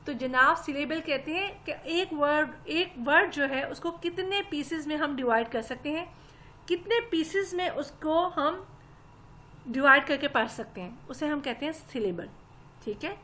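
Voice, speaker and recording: A woman's voice: high voice, expressive, a little slow, bright, forceful tone. A woman teaches English grammar. She explains patiently, step by step, and keeps addressing her listeners politely. She speaks into a laptop mic for a recorded lesson.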